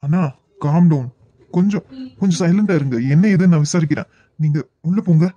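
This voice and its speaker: A man's voice: a little high, a little fast, mellow, no room sound, highs cut off, natural voice. A man voicing a worried young colleague in a cartoon, coaxing and placating, with a Kanyakumari Tamil accent. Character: worried young male colleague trying to calm things.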